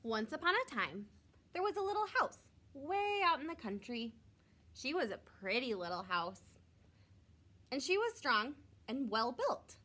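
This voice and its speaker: Reading aloud from a children's picture book, a woman sounds like a schoolteacher, with a lively voice whose pitch shifts up and down a lot. She is expressive and breaks off for simple asides to her young audience.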